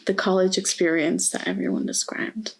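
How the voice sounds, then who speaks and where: Interviewed as a student on a university campus for an oral history, this young Mexican woman speaks earnestly and reflectively, often hesitating. Her lowish, creaky voice moves at a normal speed.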